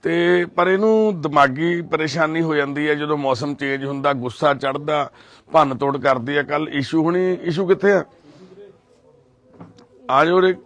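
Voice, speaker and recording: A man's voice: fairly high pitch, normal speed, no echo. Consoling Punjabi man reporting on location. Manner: gentle and consoling. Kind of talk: on-location interview. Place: village home outdoors.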